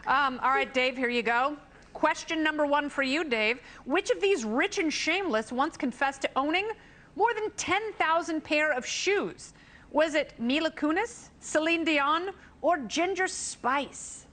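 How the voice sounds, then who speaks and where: Bubbly high-voiced woman hosting a quiz. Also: lively intonation, fairly bright tone. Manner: bubbly, teasing, quick jokes and laughs. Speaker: talk show host running a quiz game. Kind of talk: playful game show hosting.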